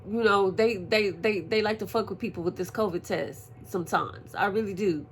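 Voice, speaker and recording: A woman recovering from surgery, telling a story in a profane, animated casual vlog. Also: mid-range voice, a little hiss or hum. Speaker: vlogger. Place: at home, indoors.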